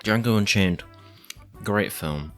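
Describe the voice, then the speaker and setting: A man's voice: on the low side, slow pace, over loud music. A man giving casual film reviews in a laid-back, rambling, slightly hesitant way.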